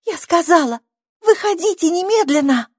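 A woman voicing a brave, curious young girl who speaks in a high, insistent, stubborn way. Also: normal speed, a little mellow, dry recording, clean studio sound, natural voice.

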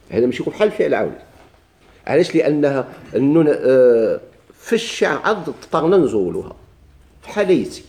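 Moroccan guy teaching grammar, warm mellow voice, keeps asking the class then answering himself. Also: mid-range voice. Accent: Moroccan Arabic. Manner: asks questions and answers them himself, repeats key points. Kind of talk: classroom lesson.

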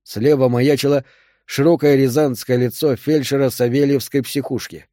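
A man narrating a novel in a measured, steady storytelling voice. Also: medium pitch, dry recording, studio quality. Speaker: audiobook narrator. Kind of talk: scripted narration.

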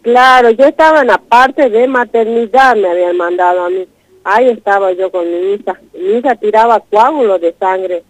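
A woman's voice: mid-range voice, moderate pace, no echo. A woman urgently retelling a distressing personal story as a radio guest, repeating herself as she goes. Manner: urgent, repetitive, retelling in a rush. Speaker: guest telling her story. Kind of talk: emotional first-person account. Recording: dull lo-fi radio broadcast.

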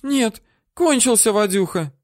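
A man's voice: high-pitched, expressive, a little slow, darkish tone, dry recording, clean studio sound, pitched above the performer's own voice. A man voicing a frightened, whimpering woman for an audiobook, her voice whiny, squealing and pleading. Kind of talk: audiobook character voice.

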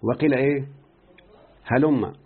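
A man with an Egyptian Arabic accent teaching a grammar lesson, who keeps quizzing his student and slowly repeats words. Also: mid-range voice, breathy edge. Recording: tinny phone-like line.

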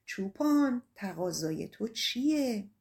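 A woman's voice: on the high side, animated, vocal fry, a little mellow. A woman voicing the wise, kindly sun. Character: wise, kind and majestic male sun.

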